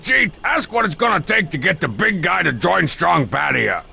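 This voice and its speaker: A cocky cartoon tyrant for a comedy game. The voice is very gravelly and bright, pompous and mocking, with big theatrical swings. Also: male voice, sits high, very animated, moderate pace, slight background noise, full character voice. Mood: exasperated. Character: bossy, cocky, sarcastic cartoon would-be dictator.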